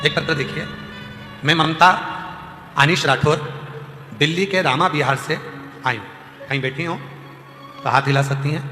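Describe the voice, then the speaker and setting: A man giving a devotional sermon, telling the story with lively, acted-out voices and loud bursts of emphasis to a gathered congregation. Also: a little high. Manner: animated, acts out characters, rising to loud exclamations. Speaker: kathavachak preacher. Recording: echoey hall with music behind.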